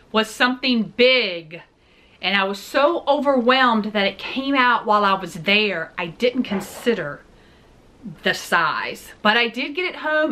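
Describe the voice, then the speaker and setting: A woman's voice: medium pitch, pushed and bright. A woman in her forties hosting a casual shopping haul vlog, chatty and jokey, talking straight to her viewers. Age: 40s. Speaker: vlog host.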